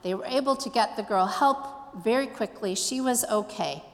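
A woman pastor giving a sermon, slow and reflective, asking her listeners questions. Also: a little high, big-room sound.

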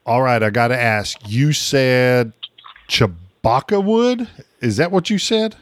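Podcast host guy, average voice, asks quick casual questions. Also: mid-range voice, big pitch swings, slight background noise. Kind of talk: casual interview.

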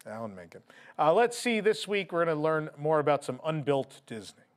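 Male live-show host, animated, high voice, casual joking banter. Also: brisk, over music. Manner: joking, chatty.

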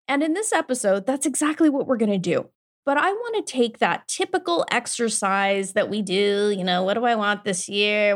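A middle-aged woman with a fairly high-pitched voice hosts a podcast as a mindset coach. She delivers an emphatic, informal motivational pep talk laced with swearing and pet names.

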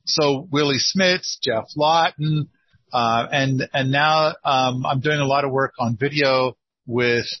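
A man's voice: medium pitch, slightly rough, dry recording. A man with a northeastern Oregon accent hosting a casual podcast consultation, rambling and self-deprecating with many restarts. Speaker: podcast host and permaculture consultant. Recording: dull lo-fi dry sound.

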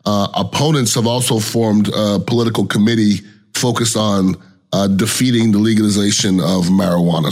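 Blunt, casual male host, lowish voice. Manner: blunt, colloquial, slangy. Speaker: podcast host. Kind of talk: casual solo podcast talk.

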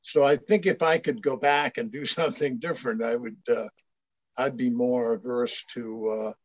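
A man's voice: mid-range voice, fairly even intonation, normal speed, no echo. An older man from Maine, a guest telling stories in casual chat, rambling with many restarts. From Maine, USA. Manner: rambling storyteller with frequent restarts. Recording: dull lo-fi dry sound.

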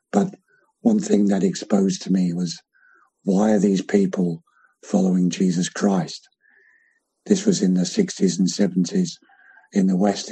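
A middle-aged man with a hoarse, croaky voice and creaky vocal fry, giving reflective testimony as a podcast guest. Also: low-pitched, dark tone, rough recording. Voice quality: croaky, gravelly, husky voice.

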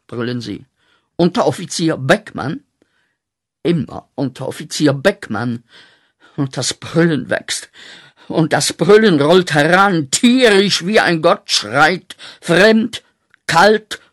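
A man acting a guilt-ridden corporal back from the war, in a radio play, speaking with slow, intense, declaiming rhythm. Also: mid-range voice, expressive, breathy edge, no echo, studio quality, heavily acted. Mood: frantic.

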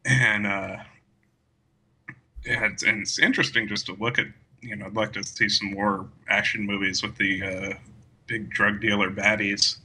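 A man's voice: fairly low pitch, little pitch movement, moderate pace, bright, forceful tone, breathy edge, rough recording. A man talking through a film in a casual discussion, rambling with many fillers and frequent laughs. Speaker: podcast co-host.

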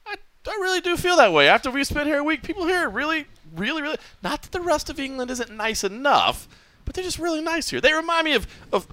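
A man's voice: very high-pitched, sing-song, pushed and bright, dry recording. A man from Texas hosting a podcast, recapping a fight night in a talkative, easygoing way. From Texas, United States. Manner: talkative, restarts phrases, quick to laugh. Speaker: podcast host. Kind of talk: casual post-fight recap chat.

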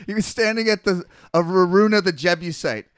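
A man's voice: high-pitched, brisk, fairly bright tone, clear, resonant tone, dry recording, studio quality. A man co-hosting a comedy podcast, reading scripture aloud, riffing on it and laughing often. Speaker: podcast co-host. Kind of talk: casual comedic chat. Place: hot small room, seated.

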